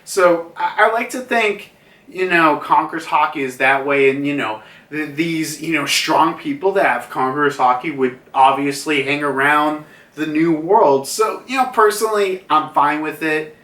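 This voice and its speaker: A man's voice: on the high side, normal speed, pushed and bright, recorded from a distance. A man giving a casual, rambling review, full of fillers and restarts. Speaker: manga reviewer. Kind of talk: casual commentary. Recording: roomy, a bit off mic.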